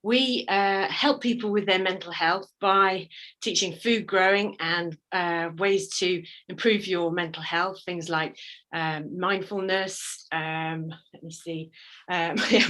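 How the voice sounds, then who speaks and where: A woman's voice: on the low side, takes it slowly, a bit bright, poor audio. A woman speaking for a charity from outdoors on a video call, out of breath, laughing and full of fillers and restarts.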